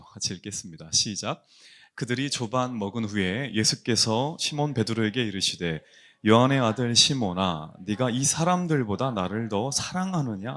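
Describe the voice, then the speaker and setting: A man preaching in a church with a lively, animated voice that swings up and down. He asks his listeners questions and answers them himself. When he quotes a question, he drops his voice and slows down. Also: fairly low pitch. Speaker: pastor. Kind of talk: sermon.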